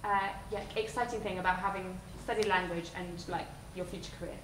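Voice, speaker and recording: A woman's voice: on the low side, fairly even intonation, fairly quick, a bit bright. A woman in her thirties moderating a live panel discussion, friendly and hesitant, with many fillers. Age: 30s. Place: lecture hall. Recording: echoey hall, faint noise.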